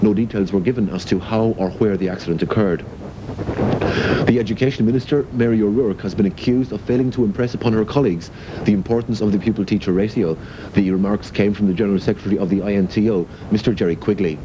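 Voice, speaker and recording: A fast-reading man delivers the news with a low voice and formal snap. He comes through a tinny old radio broadcast, with clear hiss beneath him. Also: steady tone. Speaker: radio newsreader. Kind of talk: read news bulletin.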